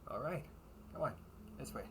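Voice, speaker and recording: A man with a mid-range, animated voice speaks at a moderate pace, playing a gently concerned, kindly, and teasing knight captain in a comfort audio roleplay. As an amateur performer, he uses courtly, old-fashioned phrases, and the home recording is clearly noisy, with ambience audible.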